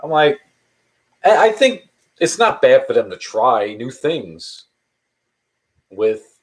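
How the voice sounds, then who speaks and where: Taking his time in a sing-song, medium-pitched voice, a man in his early thirties answers questions from his live stream viewers. The chat is casual, and he meanders and hesitates, restarting his sentences many times.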